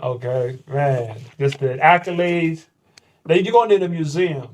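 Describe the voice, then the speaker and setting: A man's voice: fairly high pitch, a little slow, poor audio. A man in his thirties hosting a casual interview, talking in a hyped, slangy, chatty way. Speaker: host, former basketball player.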